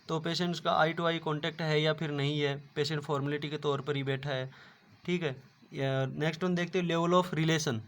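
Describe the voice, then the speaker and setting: A man's voice: on the high side, a bit bright. A man teaching an online class, explaining step by step and often repeating filler words. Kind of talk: online lecture.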